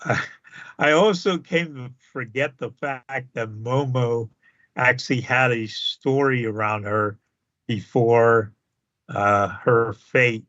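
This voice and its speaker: Man, podcast co-host, slow halting chat, lots of fillers, dull lo-fi sound. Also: mid-range voice, a bit bright, no echo. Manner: halting, many fillers and restarts, chuckles often.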